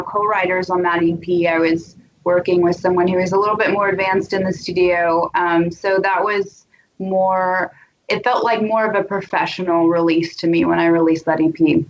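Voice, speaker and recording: A woman's voice: fairly low pitch, slight background noise. Woman with on muffled audio. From Tennessee, United States. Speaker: guest singer-songwriter. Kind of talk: casual interview chat.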